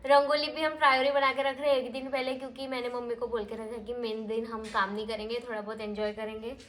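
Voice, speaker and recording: Fast-talking young woman vlogging at home. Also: a little high, little pitch movement, fairly bright tone. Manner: chatty, mixes in English words. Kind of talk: casual home vlog. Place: at home, indoors and on a terrace. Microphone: handheld phone.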